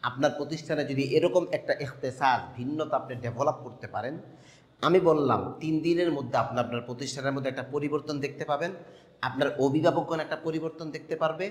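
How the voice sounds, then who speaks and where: Emphatic man teaching in an echoey hall. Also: on the high side. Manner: emphatic, repeats rhetorical questions, spells out sounds. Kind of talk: instructional talk on pronunciation. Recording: echoey room with long reverb.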